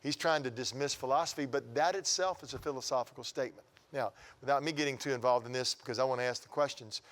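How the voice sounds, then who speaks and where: A man's voice: medium pitch, fast talker, fairly bright tone. A middle-aged man interviewing guests on a TV studio set, rambling through his questions with frequent restarts. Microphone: lapel mic.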